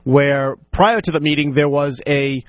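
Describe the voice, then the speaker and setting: A man hosting a talk radio show, giving opinionated commentary with sarcastic, animated asides. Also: fairly high pitch, unhurried, dry recording, highs cut off. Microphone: studio microphone.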